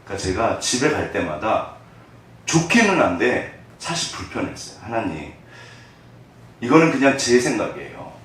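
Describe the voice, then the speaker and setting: A male pastor gives a conversational sermon in a church sanctuary, his pitch leaping and dropping all the time. The sound is very reverberant and he stands well back from the microphone. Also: normal speed, a little hiss or hum. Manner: conversational preaching, swinging between hushed and animated. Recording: echoey church hall from far off.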